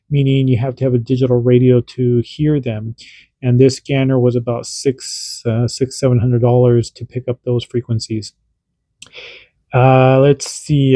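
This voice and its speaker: A man who is a parent hosts a casual, hands-on radio demo as a radio hobbyist, explaining things informally and ramblingly, often restarting sentences. His voice is mid-range and dark, recorded with no room sound.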